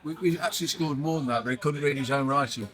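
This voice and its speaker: A man's voice: on the high side, fast, fairly bright tone. An older man, the vlogger's father, chatting casually with short laconic replies. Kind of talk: casual chat.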